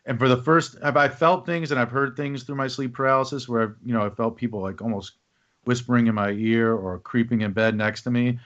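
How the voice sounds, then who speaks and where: This male podcast host speaks briskly in a mid-range, fairly bright voice with fairly even intonation, meandering casually with fillers and murmured acknowledgments. The audio is dull and lo-fi.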